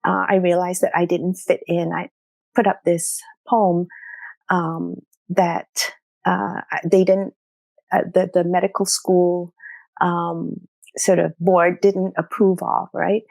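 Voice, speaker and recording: A woman's voice: lowish voice, little pitch movement, takes it slowly, gravelly, darkish tone, dry recording. A middle-aged woman from Singapore, a doctor talking through her path as a podcast guest, reflective and often tagging "you know" and "right?". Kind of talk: conversational interview.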